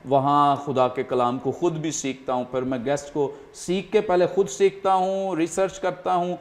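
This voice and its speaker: A man's voice: on the high side, steady tone. A man hosting a studio talk show, explaining earnestly and often using fillers. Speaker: host.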